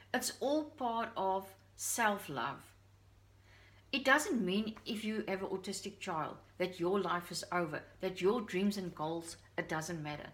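A middle-aged woman with a Dutch accent speaks earnestly to the camera from her living room as a parent vlogger, her tone heartfelt and confiding. Her mid-range voice is fairly bright. The camera sits on a stand a short distance away.

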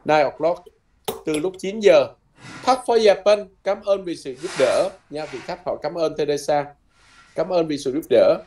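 Man, language teacher, patient, repetitive, fairly high voice, faint background hiss. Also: a little mellow. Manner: patient, repeats words slowly, ends phrases with "nha". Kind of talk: lesson explained from a textbook.

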